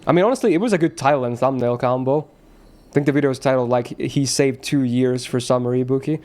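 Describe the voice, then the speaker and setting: Male streamer, casual chat, rambling, laughs a lot, mid-pitched voice. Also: quick pace, a little mellow. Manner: loose, rambling, laughs often, swears casually.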